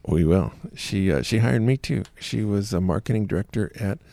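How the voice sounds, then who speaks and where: A man's voice: fairly low pitch, animated, moderate pace, creaky, warm tone, no echo. A man hosting a radio talk show in a studio, rambling a little with fillers. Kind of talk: casual radio chat.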